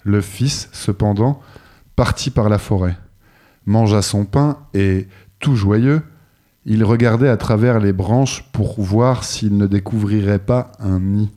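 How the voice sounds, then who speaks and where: A man narrating a fairy tale in a steady storytelling manner. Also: lowish voice, slow pace.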